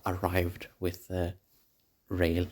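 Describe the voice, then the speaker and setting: A young man rambling casually through a dream log in a hazy, puzzled, halting way, as if piecing it together as he talks. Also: deep voice, completely flat delivery, darkish tone, a little hiss or hum. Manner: swears casually. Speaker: dream diarist.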